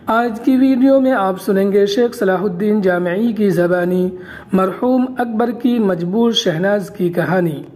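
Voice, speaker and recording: A woman's voice: medium pitch, a little mellow. A woman telling a dramatic first-person story in an emotional storytelling manner, as a channel storyteller.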